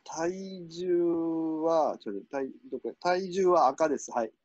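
A man with a Kansai accent hosting a word game, explaining rules in a relaxed, chuckling way. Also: fairly high pitch, measured pace, no room sound, lo-fi sound. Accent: Kansai Japanese. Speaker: game host and referee. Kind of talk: casual game commentary.

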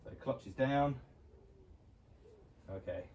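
A man chats casually outdoors as he works on a tractor, his voice sitting at a middling pitch. He talks half to himself, hopeful, with excited bursts. Faint outdoor ambience hums behind him. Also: takes it slowly, muffled recording, slight background noise. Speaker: vlogger restoring an old tractor. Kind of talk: casual commentary while working. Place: outdoors beside an overgrown tractor.

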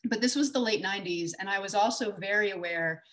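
Over a webcam on a video call, a woman in her forties from Texas gives an online conference talk with slides, and the recording is low quality. Her mid-range voice is brisk and a bit bright, and her conversational delivery includes many fillers and restarts.

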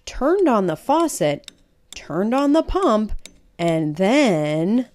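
A woman reads a children's picture book aloud with expressive, emphatic storytelling. Her voice sits in the mid-range, she draws out her words, and the background is noisy.

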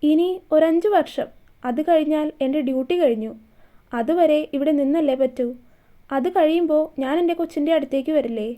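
Storybook reading: a woman voicing a fond, teasing young husband in a soft, mellow voice. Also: high voice, moderate pace, close to an everyday voice. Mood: tender. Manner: playful teasing.

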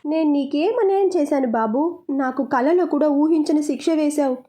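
A woman's voice: high voice, moderate pace, mellow, natural voice. A woman reading a story aloud voices a flustered young man in love who protests indignantly. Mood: complaining.

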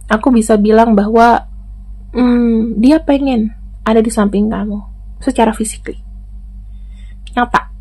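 A young woman giving a relaxed tarot reading, her voice sitting a little high. She talks to the viewer in a chatty, familiar way as she goes through the cards. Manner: chatty, addresses the viewer directly. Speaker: tarot reader. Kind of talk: casual tarot reading to camera.

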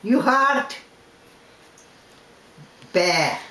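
Very slow, sweet elderly grandmother. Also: mid-range voice, animated, sharp tone. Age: elderly, 80s. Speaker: grandmother reading coffee grounds. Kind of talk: casual fortune telling in broken English. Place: home kitchen at a table. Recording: echoey kitchen, faint noise and clatter.

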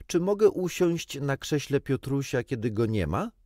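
A cheeky, boastful boy showing off to his siblings, as a male narrator puts him on in a storybook. The voice pitches up high and bounces around, in a dry, close sound. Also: big pitch swings, normal speed, mellow, dry recording.

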